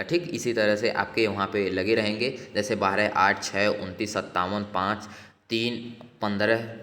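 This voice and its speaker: A man's voice: fairly low pitch, fairly bright tone. A man explaining medical tests to exam aspirants, reassuring them and often checking in as he goes. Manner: reassuring, repeats checks like "ठीक है". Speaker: exam prep instructor. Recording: echoey room with long reverb.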